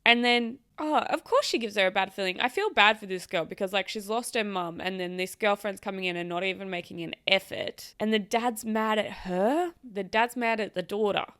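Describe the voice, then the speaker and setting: A woman's voice: medium pitch, a little fast, few pauses, clear, resonant tone, no echo. Outspoken woman host, dry close sound. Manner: animated and outspoken, swears freely; talks straight to the viewer and to a friend off-camera. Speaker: host reacting to online stories. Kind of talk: casual reaction chat.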